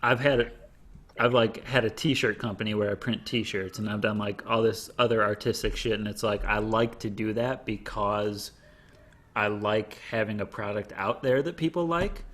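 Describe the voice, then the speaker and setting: A man in his late twenties co-hosting a podcast, laid-back and quick to laugh, swearing casually. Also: lowish voice, a bit bright. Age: 20s.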